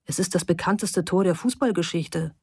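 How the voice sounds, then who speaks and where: A gentle, cautious grown man from a storybook, read by a woman in a low, dry voice. He talks softly and carefully, coaxing rather than pushing. The reading is close and plain, with no room sound. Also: moderate pace, breathy edge, dry recording. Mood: earnest.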